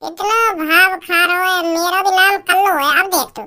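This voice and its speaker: Kallu, a squeaky pushy cartoon girl. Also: steady tone, moderate pace, pushed and bright. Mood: scheming. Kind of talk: Hindi cartoon comedy voice acting.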